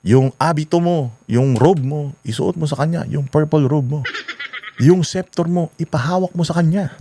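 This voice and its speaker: A man's voice: fairly high pitch, normal speed, dark tone, slight background noise, pitched above the performer's own voice, close to an everyday voice. A man doing a scheming, boastful royal adviser. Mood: gloating.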